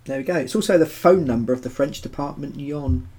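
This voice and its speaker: A man's voice: on the high side, fairly quick, mellow, husky. A man co-hosting a podcast, chatting casually about a video game in a rambling, joking way with many fillers. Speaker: podcast co-host.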